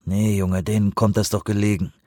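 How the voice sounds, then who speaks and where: A man's voice: on the low side, little pitch movement, normal speed, warm tone, dry recording, clean studio sound, close to an everyday voice. A man voicing a bitter middle-aged fisherman who growls his words bluntly.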